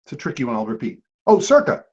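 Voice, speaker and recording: A man's voice: medium pitch, huge pitch swings, fast, darkish tone, breathy edge. A man hosting an online trivia game as quizmaster, playful, with jokey asides. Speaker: trivia quiz host. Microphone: video call. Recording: dull lo-fi video call audio.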